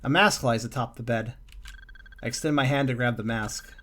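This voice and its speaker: A man reading a text game aloud with a calm, musing delivery and small slips and asides. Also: medium pitch, normal speed, slight background noise.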